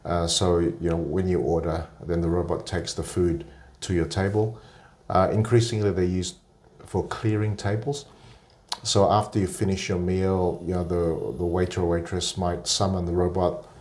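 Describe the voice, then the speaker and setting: Deep-voiced male podcast guest. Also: moderate pace. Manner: steady explaining with frequent filler sounds. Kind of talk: casual conversational interview.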